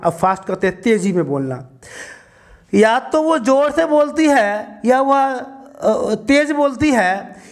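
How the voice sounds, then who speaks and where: A man teaching English grammar, patiently explaining and asking questions that he answers himself. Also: very high voice. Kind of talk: classroom grammar lesson.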